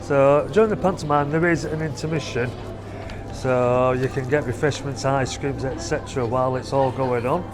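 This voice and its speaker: This mid-range male voice has fairly even intonation and a normal speed, heard over music. A family vlogger, he narrates a casual, chatty walk through a theatre's foyer and private box while holding the camera himself.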